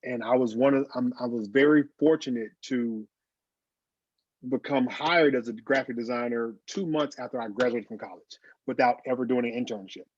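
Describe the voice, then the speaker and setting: A man's voice: mid-range voice, normal speed, a little mellow, no room sound. A man in his forties with a slight lisp, telling his story as a guest on a video call. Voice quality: slight lisp from dental aligners. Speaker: graphic designer, guest. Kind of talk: casual interview over video call. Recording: dull video call audio.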